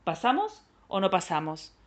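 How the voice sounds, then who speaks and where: A woman voicing three brave little children in a storybook reading, chanting their lines loud and proud. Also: medium pitch, huge pitch swings, moderate pace. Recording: dull lo-fi recording.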